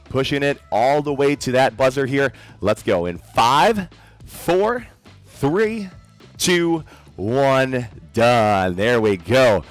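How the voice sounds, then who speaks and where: Leading a workout class, a fitness coach encourages participants and counts down each exercise with barely any pauses. His mid-range voice is expressive yet unhurried, and faint music plays behind him.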